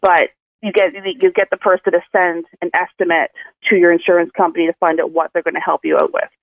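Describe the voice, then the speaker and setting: A woman's voice: fairly low pitch, level tone, quick pace, creaky, dry recording. Woman caller on a dry radio line. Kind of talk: casual chat. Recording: phone call into radio, faint music.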